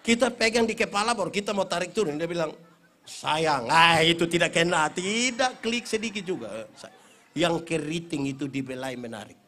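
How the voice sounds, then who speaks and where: A man preaching, his voice pitched high and ringing bright. He tells his sermon as a string of funny stories, acting out the people in them and building up to loud shouted exclamations. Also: brisk. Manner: animated storyteller, acts out voices and shouts. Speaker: pastor. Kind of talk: humorous sermon at a Christmas gathering.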